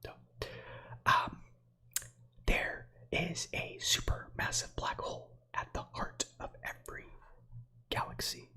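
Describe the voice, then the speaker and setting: Speaking slowly and pausing often, a man in his thirties whispers space facts for his ASMR stream. Slovak is his first language, he is from the United States, and his breathy whisper keeps looping into rambling, chatty remarks to viewers.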